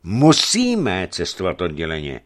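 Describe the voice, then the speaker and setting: A man reading a story and voicing a bold, cheerful young traveller who speaks in a brisk, confident manner. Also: sits low, wildly swooping pitch. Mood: confident, amused.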